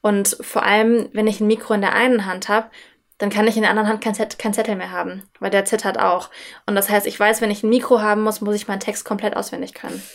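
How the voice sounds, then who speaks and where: A woman in a relaxed podcast conversation, speaking reflectively and at length about her nerves. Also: medium pitch, quick pace, creaky. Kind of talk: casual conversation.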